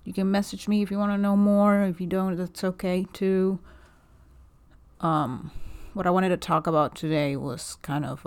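Soft-spoken hesitant woman in her thirties. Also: fairly low pitch, clear, resonant tone. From Guatemala. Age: 30s. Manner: soft-spoken, hesitant, many fillers and restarts. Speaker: podcast host. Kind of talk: casual solo podcast monologue.

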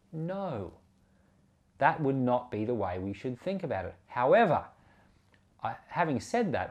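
This man's voice sits at a medium pitch and sounds a little mellow. He is a pastor and Bible podcast host offering casual commentary on scripture, talking conversationally and with emphasis while illustrating ideas through examples.

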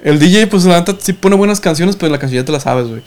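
A man's voice: high-pitched, animated, darkish tone. A man with a Mexican accent, chatting casually on a podcast in a slangy, joking way. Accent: Mexican Spanish. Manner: fast, slangy, jokey. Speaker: podcast co-host. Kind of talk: casual chat.

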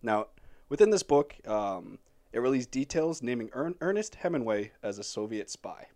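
A man's voice: mid-range voice, big pitch swings, normal speed, mellow. A man hosting a casual podcast, rambling with lots of fillers and frequent laughs. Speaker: podcast host presenting the topic.

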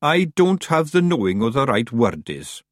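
A man's voice: mid-range voice, normal speed, dry recording, clean studio sound, pitched above the performer's own voice, close to an everyday voice. A man voicing a tiny, simple, eager fairy rogue with a Scottish accent, nervous and earnest, in an audiobook. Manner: excitable, earnest, dialect-heavy.

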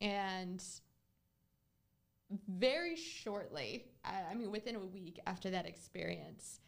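A woman's voice: mid-range voice, slow, gravelly. Woman podcast host telling stories. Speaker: podcast host, real estate agent. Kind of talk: casual podcast conversation.

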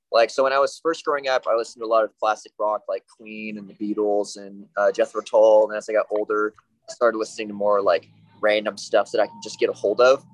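A man in his late twenties, a band member, telling the story of his music tastes in a steady, matter-of-fact way during a casual podcast interview. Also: on the low side, dry recording, poor audio. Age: 20s.

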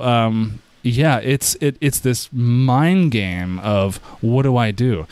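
A man in casual chat explaining how something works, excitable, often restarting his sentences and acting out quoted reactions. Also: mid-range voice, no room sound.

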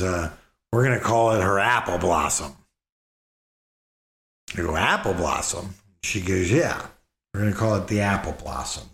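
A middle-aged man tells a story slowly, in a low, gravelly voice. His manner is folksy and rambling, with restarts and repeated words. The sound rings a little in an echoey room. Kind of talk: casual storytelling.

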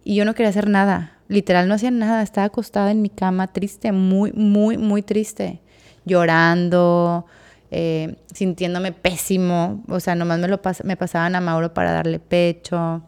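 Speaking at a moderate pace, a Mexican-accented woman co-hosting a podcast opens up frankly about something personal, reflective and candid, with plenty of "o sea" fillers. Her voice is on the low side, darkish and clean, with little pitch movement.

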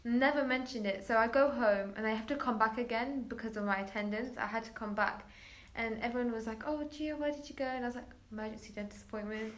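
A woman's voice: a little high, fairly even intonation, quick pace. A woman telling a personal story as a guest in casual chat, chatty, with many filler words, acting out quoted lines.

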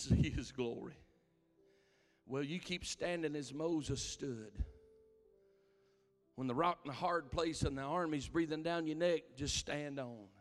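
A man preaching a sermon, impassioned, his delivery swelling into shouted cries. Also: mid-range voice, long reverb tail. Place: church sanctuary.

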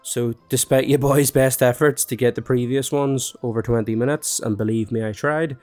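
A man's voice: medium pitch, steady tone, normal speed, a little mellow. Young guy with a cold, nasal and bunged up, chatting away on his podcast, faint music behind. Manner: chatty, self-mocking, with fillers. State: congested with a cold. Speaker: podcast host. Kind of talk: casual podcast monologue.

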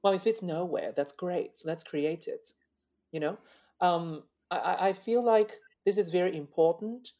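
A man from China, an opera singer appearing as a guest, reflects earnestly during an interview, speaking a little slowly in a warm, high male voice and often repeating words or beginning again.

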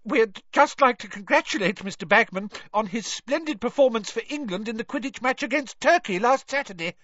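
A man's voice: very high voice, lively intonation, brisk, bright, forceful tone, dry recording, voice pushed up, full character voice. A man voicing a breathless, gushing woman juror in a storybook reading, dull and dry.

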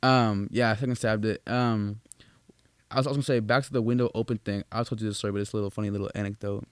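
A man's voice: fairly low pitch, fairly even intonation, fast, clean tone, no echo. A young man hosting a casual podcast chat, telling stories in a rambling, profane way with lots of restarts and fillers. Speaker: podcast co-host.

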